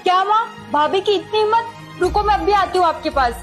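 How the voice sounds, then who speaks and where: A woman acts out an indignant married daughter in a family skit, scolding in a very high voice. Soft music plays behind her. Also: fairly quick.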